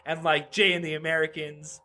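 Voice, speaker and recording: A man in his thirties chatting as a podcast guest over a video call. His voice sits a touch high, and he rambles in a loose, easygoing way, peppering his talk with "like" and "right?". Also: little pitch movement, a little fast, pushed and bright, a little hiss or hum. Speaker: podcast guest, web developer. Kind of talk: casual interview chat.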